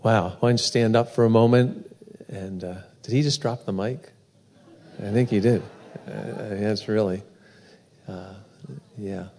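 A man with a low voice hosts a church service, making casual announcements. He hesitates often, filling gaps with "uh". His voice rings out with the long echo of a large hall. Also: steady tone, a little slow, a little mellow. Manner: casual, hesitant, many fillers. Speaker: service host. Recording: echoey hall.

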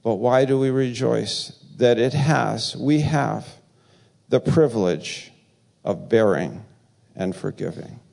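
Slow, gravelly preaching man. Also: mid-range voice. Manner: earnest, halting preaching with frequent fillers and excited rises. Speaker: pastor. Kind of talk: sermon.

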